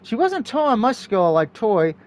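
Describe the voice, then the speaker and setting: A man's voice: high-pitched, very animated, moderate pace. A man reading a visual novel aloud as a let's play narrator, dropping in casual asides and acting out the dialogue. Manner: acts out dialogue while reading.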